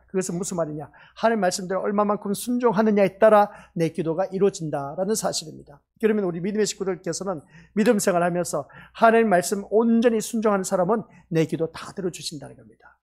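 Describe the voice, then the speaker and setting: A man preaching a sermon as pastor of a church, earnest and lively, telling a story about children with quoted dialogue. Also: high-pitched. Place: church sanctuary.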